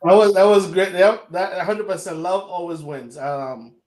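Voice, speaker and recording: A man from Ghana with a high voice tells stories in a relaxed podcast chat. His voice bounces around a reverberant room. He talks with animated energy. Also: normal speed. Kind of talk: casual conversation.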